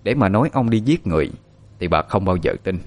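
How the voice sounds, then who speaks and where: A man narrating a story in a steady, measured way. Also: low-pitched.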